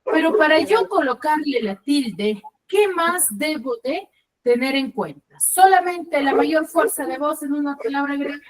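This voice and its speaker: A woman's voice: high-pitched, lively intonation, measured pace. A woman teacher giving an online class over a video call, often checking in with short questions to her pupils.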